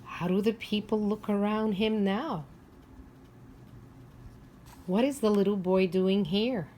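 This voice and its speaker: Reading a picture book to little children, a female preschool or primary teacher speaks at a medium pitch, with slight background noise in the recording. Her reading is expressive and teaching-focused, with frequent pauses to ask the kids questions.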